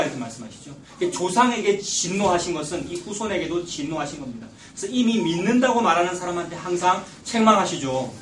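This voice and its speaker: A man preaching a sermon as pastor, emphatic and building to loud stresses. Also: sits high, recorded from a distance, slight background noise. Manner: emphatic preaching, rising loud when quoting Jesus. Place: church sanctuary. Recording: echoey church recorded from afar.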